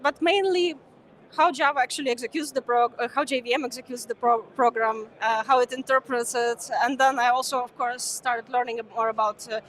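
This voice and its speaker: Speaking as an interview guest amid the bustle of a conference, this young woman, a native Ukrainian speaker, has a high voice. Her delivery is easygoing yet halting, full of "uh" fillers and punctuated by soft laughter.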